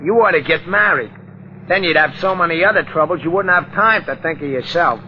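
Actor as high-voiced wisecracking cop sidekick. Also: male voice, fairly quick, natural voice. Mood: smug joking. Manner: folksy slangy mock wisdom. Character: wisecracking, easygoing male police sidekick. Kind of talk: 1940s radio comic-relief acting. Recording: noisy, muffled old radio recording.

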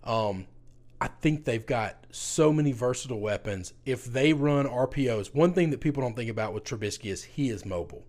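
A man's voice: mid-range voice, expressive, darkish tone. A man co-hosting a podcast in casual sports chat, opinionated and often talking over his co-host. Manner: opinionated, talks over his co-host, quick bursts of emphasis.

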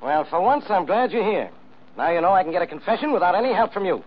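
An American actor playing a stubborn, blustering middle-aged police inspector in a 1940s radio mystery, blunt and insistent, on an old recording. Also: male voice, high voice, very animated, quick pace, breathy edge, dull audio, full character voice. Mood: gloating. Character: blustering, hard-nosed police inspector man, stubborn and boastful.

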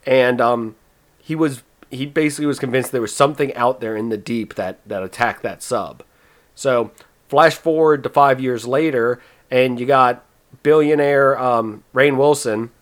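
A man hosting a casual movie podcast, summarizing the plot with quick, stumbling restarts. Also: mid-range voice. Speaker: podcast host presenting the movie.

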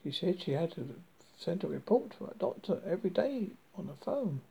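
This horror host is a man with a husky, creaky, dark-toned voice that sits high and has a sing-song quality. He reads a first-person story with drama, but haltingly, tripping over his words.

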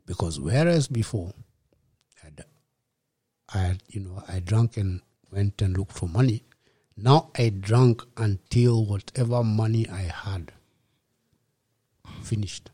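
A man in his fifties with a Kenyan accent, a podcast guest telling his life story in a reflective, unhurried way and slipping in Swahili words. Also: on the low side, dark tone, breathy edge, no room sound. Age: 50s. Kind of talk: personal storytelling in a podcast interview.

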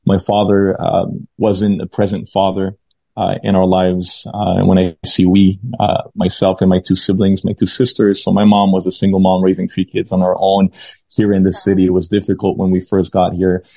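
A young man from Lebanon speaks in a low, gravelly, mellow voice, pausing often with fillers and restarts as he recounts his past. His delivery stays flat and even. The recording sounds dry and a little dull. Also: no room sound. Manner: halting, many fillers and restarts. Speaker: guest sharing his testimony. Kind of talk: conversational personal testimony.

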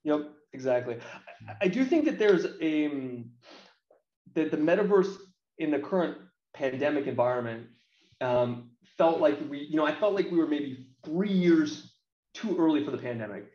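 An American man in his late thirties, a games marketing professional, is an interview guest chatting bluntly and colloquially, sharing opinions. His voice is a little high, expressive and darkish at a moderate pace, recorded with roomy echo and slightly dull sound.

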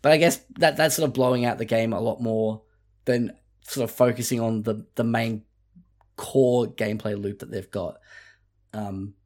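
A man chatting casually on a gaming podcast, his voice sitting at an ordinary middle pitch. He rambles along with lots of restarts and fillers. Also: fairly even intonation, normal speed. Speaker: podcast co-host. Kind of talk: casual chat.

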